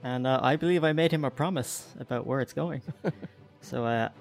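Male player, keen storyteller of his turns, middle-pitched voice, quiet music behind. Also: moderate pace, gravelly. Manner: eager, vividly describes his moves. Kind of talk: tabletop game play.

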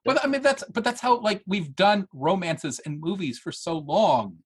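A man's voice: high-pitched, moderate pace, breathy edge. A man co-hosting a casual podcast, arguing animatedly about movies. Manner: argumentative, animated. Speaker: podcast co-host. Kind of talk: casual chat.

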